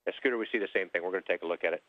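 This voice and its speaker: A man speaking as a mission control capcom over a space-to-ground radio link, relaxed and polite with precise number calls. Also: low voice, racing, dry recording. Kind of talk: terse air-to-ground radio exchange. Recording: narrow dry radio loop.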